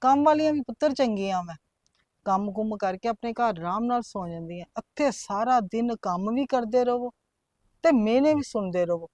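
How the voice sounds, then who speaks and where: A woman playing a timid young daughter-in-law who pleads softly and speaks of her fear and sorrow. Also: on the high side, expressive, moderate pace, no room sound, lightly acted. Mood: sorrowful. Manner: pleading, fearful, soft and sad. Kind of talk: family drama acting.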